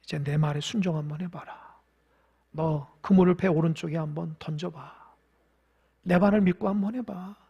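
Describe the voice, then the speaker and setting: A male preacher voicing Jesus as a gentle, forgiving man who speaks softly, often close to a whisper, within a sermon. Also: high voice, very animated, moderate pace, long pauses, heavily acted. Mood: tender. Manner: hushed, tender, often near a whisper.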